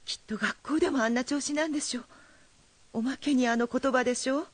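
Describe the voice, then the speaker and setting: A woman voicing a fretful, formal mother in a drama, polite on the surface and pressing underneath. Her voice is slightly high and a little breathy, and the sound is dry and close. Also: fast, no room sound. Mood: insistent. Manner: polite, formal speech turning insistent. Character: anxious, proper mother fretting over her son. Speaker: worried mother.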